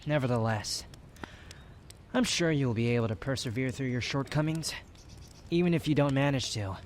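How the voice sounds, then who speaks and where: A man's voice: mid-range voice, normal speed, a little hiss or hum, natural voice. A man playing an aloof, prickly young wanderer in a romantic roleplay ASMR, speaking in dry, formal phrases with reluctant tenderness. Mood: gently advising.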